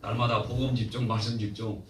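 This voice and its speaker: A man's voice: mid-range voice, flat delivery, fast talker, a little hiss or hum. A male pastor delivering a sermon with a humorous streak, teasing regional dialects and calling for amens from the congregation. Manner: exhorting, draws amens from the congregation. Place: church sanctuary. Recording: echoey church from a distance.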